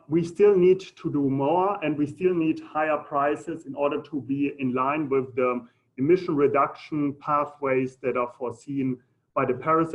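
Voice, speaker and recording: A man from Germany with a German accent, giving an informal presentation in a halting, hesitant way. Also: mid-range voice. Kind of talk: informal conference presentation with audience questions. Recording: muffled phone-like audio.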